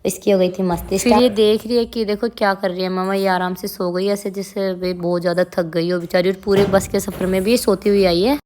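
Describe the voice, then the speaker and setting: A woman's voice: mid-range voice, fairly even intonation, quick pace, few pauses, a little mellow, slight background noise. A young woman telling viewers about a trip in a chatty, casual vlog narration. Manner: chatty, addresses viewers as guys. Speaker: vlogger.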